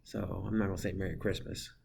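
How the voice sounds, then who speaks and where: A male teacher with a low voice talks casually and a bit goofily to his absent students. He sits alone in his empty classroom. A faint hiss of noise sits under his voice. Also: little pitch movement, quick pace, vocal fry, darkish tone. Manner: goofy, rambling, playfully mimics students in high voices. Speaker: middle school social studies teacher. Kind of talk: casual farewell message to students.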